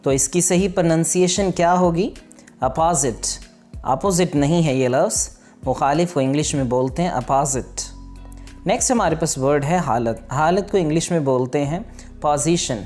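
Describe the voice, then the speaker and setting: A woman teaching English pronunciation in an online lesson, repeating each word slowly and carefully. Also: low-pitched, dark tone, faint music behind.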